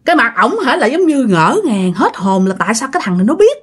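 A woman's voice: a little high, sing-song, quick pace, husky. A woman telling a ghost story casually, chatting directly to her listeners.

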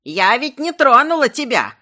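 A narrator voicing a cantankerous ancient talking spear with a shrill old woman's voice, grumpy and indignant. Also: big pitch swings, moderate pace, pushed and bright, full character voice. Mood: shrieking. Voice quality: shrill, screeching. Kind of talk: audiobook character voice.

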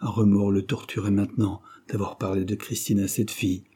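A man narrating a classic novel as an audiobook in a steady, measured storytelling manner. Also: fairly low pitch, husky.

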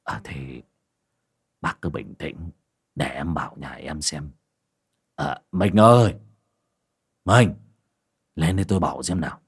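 A cautious, kindly older man speaks quietly and hesitantly in a low, husky voice, as a male narrator puts him on. He sounds careful and mild rather than forceful. It is an audiobook character voice. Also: normal speed, dry recording, clean studio sound, heavily acted. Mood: soothing. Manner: hesitant, soft-spoken.

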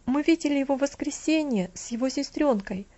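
A woman voicing a calm, gentle boy who speaks mildly and reasonably. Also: high-pitched, a little fast, muffled recording, voice pushed up, natural voice.

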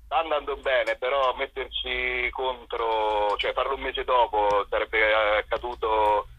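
An actor and author appears as an interview guest, chatting casually in a steady, medium-pitched voice at a measured pace. He's playful and hesitant, often repeating and restarting phrases. The audio is lo-fi with no room sound.

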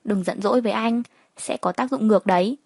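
A woman's voice: medium pitch, brisk, gravelly, a little mellow, breathy edge, dry recording, studio quality. A woman doing a curt, dismissive husband.

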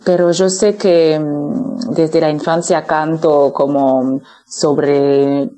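A woman in her thirties from France with a French accent, a singer interviewed by phone, pausing often to search for words. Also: sits low, steady tone, dark tone. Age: 30s. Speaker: guest singer.

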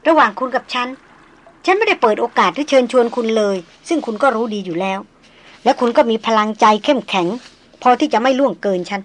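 A woman reading the part of a refined, self-assured young woman doctor, speaking slowly and deliberately. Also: on the high side, animated, natural voice. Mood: frank. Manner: slow, measured, deliberate. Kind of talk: audiobook character reading.

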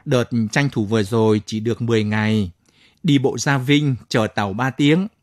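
A man narrating a late-night audio story in a calm, measured way. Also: medium pitch, dry recording, studio quality. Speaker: story reader.

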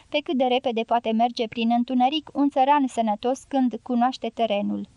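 A woman reading a novel aloud as an audiobook narrator, in measured scripted narration that lightly voices the dialogue. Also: on the high side, a little mellow, dry recording.

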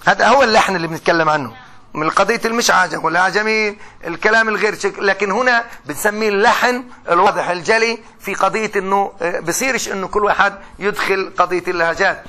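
High, fast Palestinian male lecturer. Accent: Palestinian Arabic. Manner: animated, explains by asking and answering his own questions. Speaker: university lecturer. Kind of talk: classroom lecture in colloquial speech.

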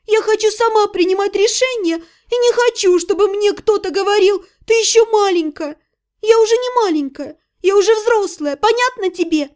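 A woman's voice: moderate pace, a little mellow. A woman voicing a rebellious teenage younger sister who whines and cries as she argues. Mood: tearful. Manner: crying, whiny, shrill.

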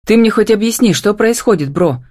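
A woman voicing a brash, friendly young man who talks to his buddy loudly. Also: mid-range voice, lively intonation, moderate pace, slightly rough, voice pushed up. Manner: brash, pleading.

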